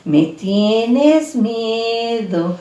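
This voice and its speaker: A woman voicing a creepy little ghost girl who taunts slowly, dragging out her words. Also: on the high side, expressive, mellow, reverberant, highs cut off. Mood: taunting. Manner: slow, drawn-out taunting.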